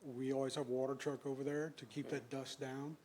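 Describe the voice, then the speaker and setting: A man's voice: mid-range voice, little pitch movement, a little fast, a little mellow, slight background noise. A man, a utility official, answering a city council's questions in a practical, matter-of-fact way. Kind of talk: explanatory answers.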